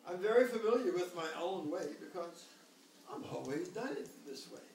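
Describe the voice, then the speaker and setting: A man voicing a stubborn old male caterpillar in a slow, expressive storybook reading for children. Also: high-pitched. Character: old grumbling caterpillar, set in his ways, male. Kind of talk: storybook read aloud to children. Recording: echoey room, distant mic, faint noise.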